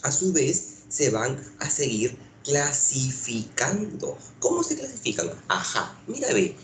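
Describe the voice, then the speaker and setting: Male teacher, animated and repetitive, echoey room, light hiss. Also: medium pitch, takes it slowly. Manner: repeats points, asks rhetorical questions. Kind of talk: lively classroom lecture.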